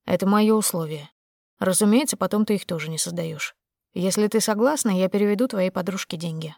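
A woman's voice: mid-range voice, brisk, gravelly, dry recording, clean studio sound. A woman voicing a cold, commanding young man. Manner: flat, curt, commanding. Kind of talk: audiobook character voicing.

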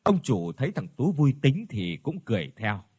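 A man narrating a ghost story in an expressive storytelling manner. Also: medium pitch, normal speed, breathy edge, dry recording, clean studio sound.

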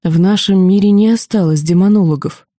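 A woman's voice: medium pitch, fairly quick, warm tone, dry recording, studio quality, close to an everyday voice. Woman narrator as strict female mentor, strained and emotional, audiobook. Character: tough female mentor, marquise, breaking into sobs.

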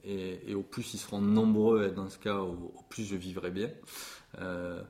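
A man in his forties who works as a music publisher talks passionately about his trade in an interview conversation, with lots of fillers and restarts. His voice sits low and dark, delivered flatly at a moderate pace.

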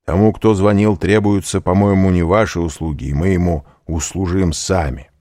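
Man voicing a gruff storybook sergeant, curt and firm. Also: sits low, steady tone, normal speed, dark tone, no echo, clean studio sound, close to an everyday voice. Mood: commanding. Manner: curt, commanding. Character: brisk male police sergeant giving orders.

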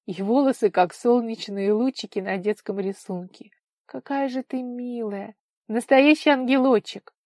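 A woman reading an audiobook voices a kind, plump older mother who speaks softly and tenderly. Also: fairly high pitch, normal speed, hardly any pauses, no echo, clean studio sound, voice pushed up, lightly acted. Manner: soft, tender, doting.

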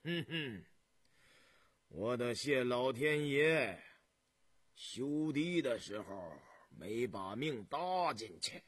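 A shrewd old country farmer, husky and rough-voiced, who grumbles and scoffs in a folksy drawl, as a male narrator puts him on. His pitch leaps about as he complains, and the telling is slow and unhurried. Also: expressive, a bit bright, no echo, heavily acted. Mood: grumbling.

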